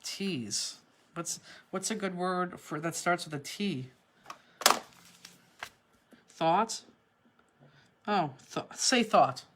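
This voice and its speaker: Speaking extremely slowly with long pauses, a woman from Cleveland, Ohio runs a live online craft class in an indoor studio, answering viewer comments in a Cleveland accent. Her voice is lowish with lively intonation, and the background is noisy.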